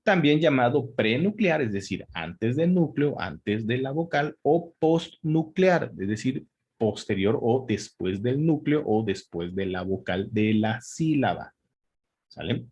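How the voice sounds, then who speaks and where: A man's voice: mid-range voice, big pitch swings, slow, darkish tone, husky, highs cut off. A man teaching a spelling lesson, talking it through with fillers and checks like "¿sale?". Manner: hesitant, many fillers and restarts, checks in with "¿sale?". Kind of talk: spelling lesson, spontaneous explanation.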